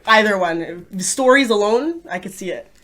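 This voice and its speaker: A woman's voice: medium pitch, lively intonation, moderate pace, background noise. A woman from Canada chats as a podcast guest. She is blunt and laughs often. Her voice sits in the middle range. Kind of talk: casual chat.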